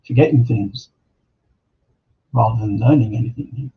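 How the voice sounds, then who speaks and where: A man's voice: medium pitch, normal speed, breathy edge, narrow, tinny audio. A man teaching an Islamic lesson on a podcast, reflective, with rhetorical questions and quoted Arabic scripture. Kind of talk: religious talk. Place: podcast studio.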